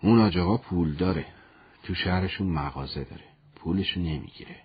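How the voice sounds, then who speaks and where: Brief: man voicing a humble commander, gentle and teasing, low husky voice in a storybook. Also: muffled recording. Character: calm male war commander, teasing and humble.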